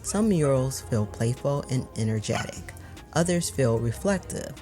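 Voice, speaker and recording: A calm, measured narrator reading a scripted travel walkthrough voice-over. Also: medium pitch, soft background music. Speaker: vlog narrator.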